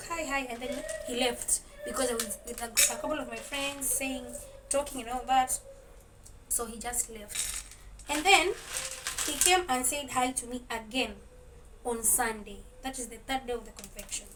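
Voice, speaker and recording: A woman's voice: on the high side, moderate pace. A young woman chatting in a casual storytelling vlog, mixing Swahili words into her English and laughing often. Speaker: vlogger. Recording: distant mic with clear kitchen noise. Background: dishes and cutlery clinking.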